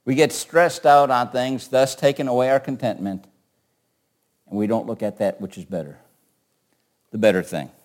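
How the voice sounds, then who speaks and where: A man's voice: medium pitch, normal speed, long pauses. A male pastor preaching a sermon and reading scripture aloud, often asking the congregation rhetorical questions.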